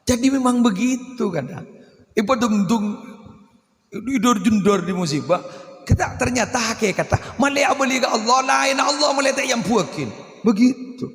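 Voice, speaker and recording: A man preaching a sermon in a lively, joking manner, often acting out voices. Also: very high-pitched, moderate pace. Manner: animated, joking, playacting quotes. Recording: echoey hall with long reverb.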